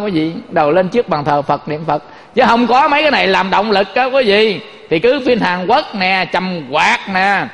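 A man's voice: high-pitched, fairly bright tone, in a large hall. A man giving a folksy Buddhist sermon, telling stories and constantly addressing his listeners. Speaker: Buddhist monk teacher.

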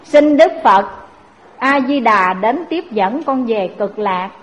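Old pleading grandmother in a sermon story, voiced by a woman preacher, quiet and high. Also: lively intonation, slow. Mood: pleading prayer. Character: elderly woman, devout and pleading. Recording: dull lo-fi recording.

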